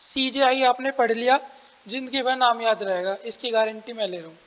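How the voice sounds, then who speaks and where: Throat-clearing man teaching exam prep. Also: very high voice, steady tone, normal speed, a bit bright, in a large hall, dull audio. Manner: explains step by step, asks and answers his own questions; clears his throat often.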